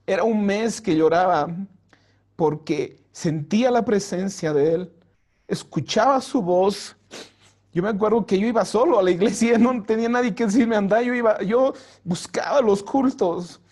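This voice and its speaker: Male pastor, personal testimony, high and earnest, raises his voice when he acts out quotes. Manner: drops soft and slow for prayers. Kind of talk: personal testimony to a youth group. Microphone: home mic for an online vigil.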